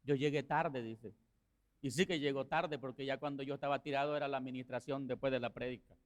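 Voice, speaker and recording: A man preaching a sermon as pastor, telling a story with rising passion and quiet, slow passages. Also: medium pitch, steady tone. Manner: impassioned preaching, swelling to shouts then dropping soft.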